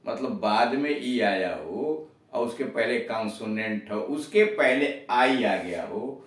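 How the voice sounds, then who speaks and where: A man's voice: mid-range voice, expressive, slow, distant mic. A man teaching an English pronunciation lesson, explaining rules step by step and spelling words out letter by letter. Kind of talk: spoken grammar lesson. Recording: echoey room, voice off-mic.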